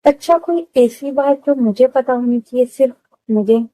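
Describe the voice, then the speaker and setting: A woman voicing a curious, eager young woman in her twenties who keeps asking questions, with a hoarse throat. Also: sits high, normal speed, warm tone, no echo, close to an everyday voice, poor audio. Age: 20s. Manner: asks question after question.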